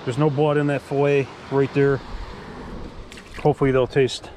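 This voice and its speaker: A middle-aged man's upbeat, enthusiastic narration drives a casual fishing vlog on a sandy beach, addressed to the camera. His medium-pitched, darkish voice moves at a moderate pace with little pitch variation, and the head-mounted action camera captures clear surf noise.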